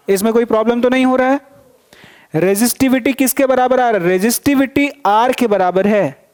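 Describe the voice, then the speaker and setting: A man's voice: high voice, darkish tone. A male teacher giving a physics lesson, repeating each point and asking the class rhetorical questions to check they follow. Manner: coaxing, checks students follow.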